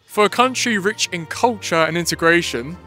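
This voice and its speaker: A man's voice: sits high, lively intonation, normal speed, over music. British man hosting street interviews. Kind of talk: scripted vlog narration.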